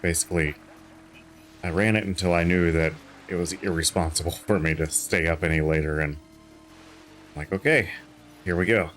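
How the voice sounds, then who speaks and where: Tired male streamer, very low voice, rambling home chat with faint music behind. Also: little pitch movement, normal speed, pauses often. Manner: rambling, chatty, many fillers and restarts. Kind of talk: casual chat while gaming.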